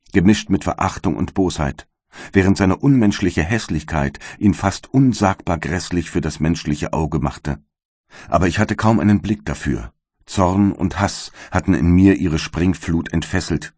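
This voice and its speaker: A man narrating a novel in the first person, measured and theatrical. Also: sits low, darkish tone, breathy edge, no room sound, studio quality. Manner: measured and theatrical, rising for outbursts. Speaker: audiobook narrator.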